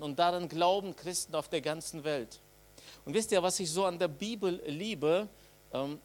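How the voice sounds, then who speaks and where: A man with a slightly higher-than-usual voice gives an Easter sermon. He speaks directly to the congregation in a conversational way, with everyday asides, and pushes the key phrases out louder. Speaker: preacher.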